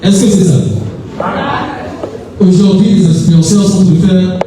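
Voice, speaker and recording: A young man preaching at a youth seminar, asking the crowd questions and calling for amens, sometimes rising to a shout. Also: high-pitched, steady tone, a little slow, slight background noise. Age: young adult. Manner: rises to shouts at times. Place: large echoey hall. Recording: echoey hall, voice from far off.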